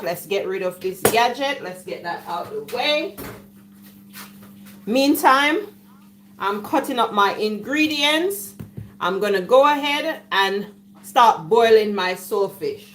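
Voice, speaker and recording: A woman's voice: mid-range voice, a little hiss or hum, rough recording. A woman hosting a casual live cooking stream from her home kitchen, chatty and greeting viewers by name. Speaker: cooking livestream host. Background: washing machine running.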